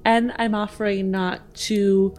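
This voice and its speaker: A woman at a tabletop game who bargains in character with a teasing, persuasive cheek. Her voice sits at an ordinary middle pitch for a woman. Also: level tone, slow, darkish tone, soft background music. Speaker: player.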